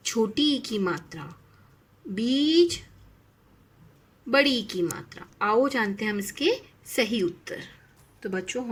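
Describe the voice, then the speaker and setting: Slow, husky-voiced woman teaching children. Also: mid-range voice, a bit bright. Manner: drawn-out word readings with teacherly questions. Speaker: primary school Hindi teacher. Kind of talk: slow, clearly enunciated lesson for young children.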